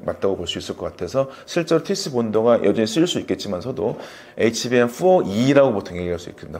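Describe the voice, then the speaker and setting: A man's voice: lowish voice, darkish tone. A middle-aged man, a former chip researcher, explaining technical points as a guest expert, lecturing with fillers and self-corrections. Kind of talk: explanatory interview talk.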